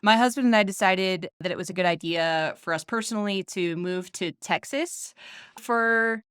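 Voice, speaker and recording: A woman's voice: mid-range voice, moderate pace, fairly bright tone, smooth, dry recording, studio quality. A woman in her thirties from the United States, a tech founder telling her story as a podcast guest, chatty and self-deprecating with frequent laughs. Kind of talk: casual interview storytelling.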